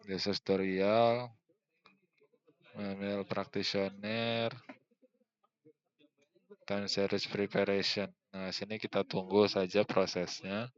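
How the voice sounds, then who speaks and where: A young man walks through a software tutorial, hesitant and full of fillers as he thinks aloud while clicking. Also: fairly low pitch, flat delivery, slow, long pauses, muffled recording. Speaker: student presenting a tutorial. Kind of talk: screen-recorded software tutorial.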